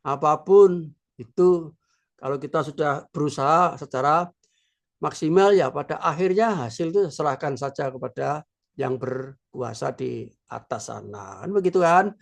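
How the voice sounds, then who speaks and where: A man in his sixties, a philosophy professor, giving an informal lecture in a slow, reflective way with many filler words. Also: a little high, gravelly. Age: 60s. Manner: unhurried, reflective, with frequent filler "ya".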